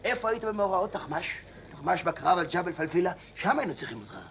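A man's voice: sits high, animated, gravelly, fairly bright tone, slight background noise, full character voice. A man playing a chatty old man in a comedy sketch, grumbling and drifting off into nostalgic tangents. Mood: boastful rambling. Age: older.

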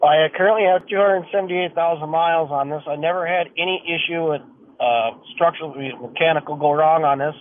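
A man calling in over the phone to a radio show, rushing eagerly through his question. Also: fairly high pitch. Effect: heard over the phone. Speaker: caller. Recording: tinny phone line with faint noise.

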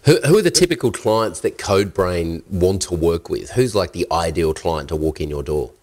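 Nasal, congested man with a low voice. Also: animated, moderate pace, darkish tone. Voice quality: nasal, congested, as if pinching nose. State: recovering from a cold. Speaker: podcast host interviewer. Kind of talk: conversational interview.

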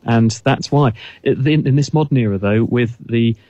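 A man talks through his ideas on a chat show in a measured, explanatory way, often restarting his sentences. His voice sits at a middle pitch and is recorded close and dry, with no room sound. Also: dark tone, no echo, dull audio. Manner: thoughtful, explanatory, with frequent restarts. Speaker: guest expert. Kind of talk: casual radio chat.

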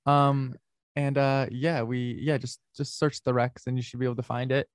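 A young man from North America chats casually about his music as an interview guest, rambling through ideas with many "likes" and restarts. His voice sits at an ordinary middle pitch. The sound is dry and close. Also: flat delivery, normal speed, smooth, no echo.

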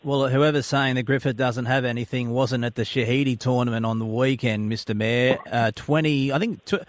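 A man's voice: mid-range voice, fairly even intonation, normal speed, no room sound. A man with an Australian accent hosting a casual radio interview in a chatty, matey way from a studio. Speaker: radio host.

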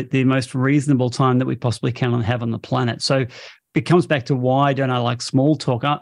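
A man answers interview questions in a blunt, outspoken way, his voice carrying a gravelly rasp. The sound is dry and close, with no room echo. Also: medium pitch. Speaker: interview guest, company CEO.

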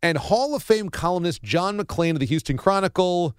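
A man's voice: sits high, expressive, normal speed, heavy background noise. A man hosting a sports radio show, giving sarcastic, opinionated commentary.

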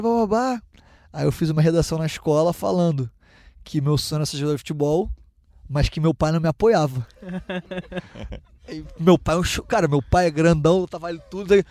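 Lively young man. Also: a little high, no echo, clean studio sound. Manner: lively storyteller with many restarts. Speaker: guest, professional footballer. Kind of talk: casual storytelling.

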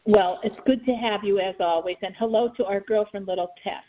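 Female talk-show host, mid-pitched, casual delivery, slightly lo-fi radio sound. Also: fairly even intonation, brisk.

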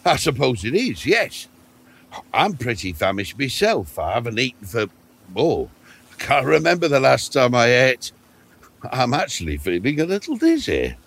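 A hungry old man adrift in a boat, his voice raspy and gravelly. He talks slowly and dithers, wistful, with pitch that rises and falls a great deal. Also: huge pitch swings, fairly bright tone, full character voice. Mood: mild. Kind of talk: children's audio story acting.

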